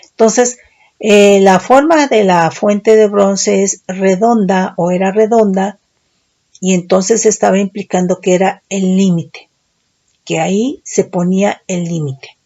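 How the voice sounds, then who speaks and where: Woman Bible teacher, slow deliberate sermon delivery, warm gravelly tone, keeps checking in with listeners. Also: medium pitch.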